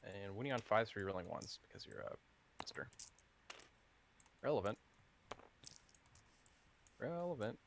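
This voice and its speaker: A man's voice: lowish voice, a little fast, gravelly, fairly bright tone, slight background noise. A man playing a tabletop wargame, calling out his dice rolls with hesitant fillers. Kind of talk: casual game commentary.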